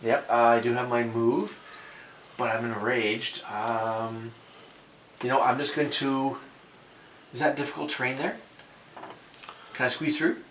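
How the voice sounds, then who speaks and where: A man playing a tabletop game, talking in a halting, playful way with many fillers. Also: mid-range voice, fairly even intonation, fairly bright tone. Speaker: player. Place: convention room. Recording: echoey room with faint noise.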